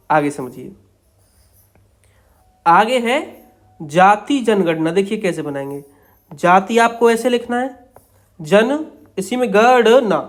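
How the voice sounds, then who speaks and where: Patient man teaching shorthand outlines. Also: sits high. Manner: patient, repetitive, explains each outline slowly. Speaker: stenography teacher. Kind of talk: step-by-step shorthand lesson.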